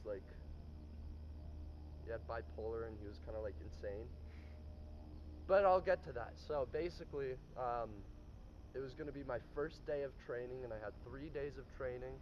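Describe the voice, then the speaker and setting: A young man tells a rambling story in a loose, profane way, with plenty of filler words. His voice sits at an ordinary pitch. The recording sounds dull and lo-fi, with clear noise behind him. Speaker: comedian telling a story. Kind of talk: casual storytelling.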